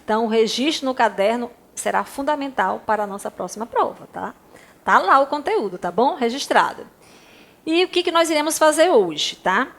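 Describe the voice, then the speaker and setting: A woman's voice: fairly high pitch, expressive, moderate pace. A woman from Brazil teaching a recorded lesson to primary school pupils, patient and affectionate, often checking in with her class.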